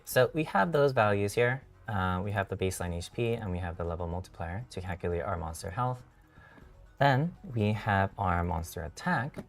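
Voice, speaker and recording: A software engineer hosts a live-coding tutorial stream, walking through code step by step in a halting way with many fillers and self-corrections. His voice is low-ish, creaky and a little worn, and it's recorded from a distance.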